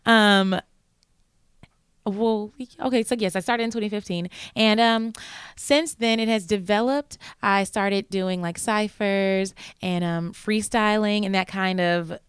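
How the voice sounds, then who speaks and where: A woman, talking in a bubbly, chatty way and laughing easily. Her voice is exceptionally clear and smooth, and it sits at a middle pitch. The sound is dry and close. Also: measured pace, dry recording. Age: 20s. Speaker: singer and guest. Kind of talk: casual chat.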